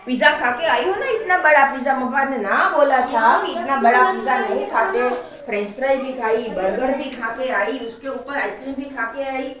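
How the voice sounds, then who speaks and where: A woman's voice: sits high, brisk, crowd noise, pitched below the performer's own voice, close to an everyday voice. A woman doing a scolding mother. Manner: scolding, concerned. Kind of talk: puppet show storytelling. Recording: echoey noisy room, far from mic.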